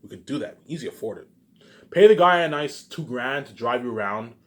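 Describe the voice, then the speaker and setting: In a casual, rambling monologue, a man circles back over the same phrases, restarting them and leaning on filler catchphrases. His mid-range voice has lively intonation and a fairly quick pace, with emphatic bursts that trail off.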